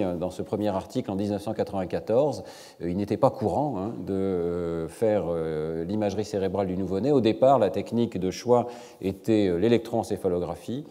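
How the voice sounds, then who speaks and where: Middle-aged male lecturer, measured and hesitant, deep mellow voice. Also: long reverb tail. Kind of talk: academic lecture. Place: large lecture hall.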